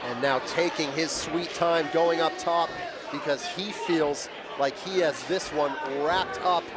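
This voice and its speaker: A man works as a wrestling commentator, calling the action live in a high voice. His delivery is dramatic and emphatic. A very loud crowd and heavy venue noise surround him. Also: unhurried.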